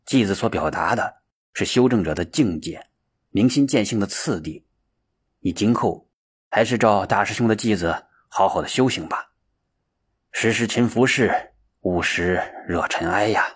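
A thoughtful monk explains matters in a low, husky, even voice, as a male storyteller voices him. His tone stays measured and patient in this storybook telling. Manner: calm, explaining.

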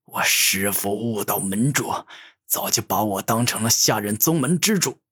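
A man voicing a proud, furious male villain cultivator who shouts in defiance, with a husky voice. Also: lowish voice, expressive, moderate pace, dry recording, clean studio sound. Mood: gloating.

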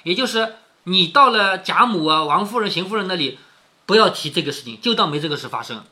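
A man's voice: sits high, animated, a little fast, sharp tone. A man reading a classic novel to his daughter and explaining it as he goes, chuckling and asking rhetorical questions. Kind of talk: storytelling reading with commentary.

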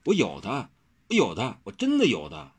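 A man's voice: medium pitch, wildly swooping pitch, normal speed, breathy edge, pitched above the performer's own voice. A man doing a stammering flustered young hero. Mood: flustered pleading. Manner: stammering, repeating words.

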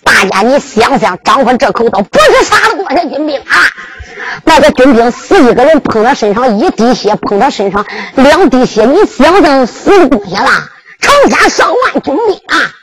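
A woman's voice: high-pitched, sing-song, moderate pace, a little hiss or hum, poor audio. A woman with a Henan accent narrating in the emphatic, sung-spoken style of Henan zhuizi storytelling.

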